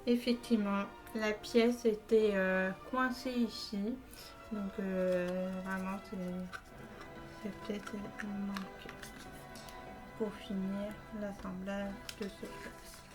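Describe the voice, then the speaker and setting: A woman's voice: mid-range voice, level tone, slow pace, music in the background, low-quality recording. A woman talking through her finished puzzles in a casual vlog, hesitant, with many filler sounds and restarts. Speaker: puzzle vlogger.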